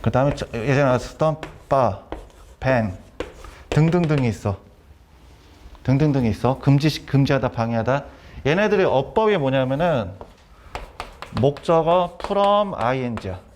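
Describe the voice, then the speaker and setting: A middle-aged man lecturing on vocabulary and grammar, repeating key terms and quizzing students with quick questions. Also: medium pitch, animated, darkish tone, a little hiss or hum. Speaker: academy director teaching vocabulary.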